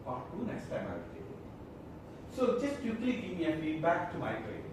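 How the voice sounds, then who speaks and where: A male corporate trainer with a Malayalam accent addresses a group in a very echoey room. His pitch sits on the high side and moves in lively swings as he keeps checking that listeners follow. The microphone is distant, with clear background noise. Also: moderate pace. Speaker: corporate trainer leading a discussion session. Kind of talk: interactive training talk to an audience.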